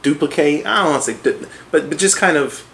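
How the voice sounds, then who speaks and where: A man interviewing a boxer, asking halting, casual questions filled with ums and restarts. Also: a little high, creaky, a bit bright, a little hiss or hum, low-quality recording.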